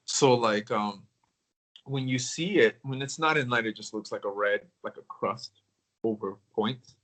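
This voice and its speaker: A man in casual conversation about crystals, talking in a relaxed, rambling way with many filler words. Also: medium pitch, a little slow, rough recording. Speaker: crystal collector.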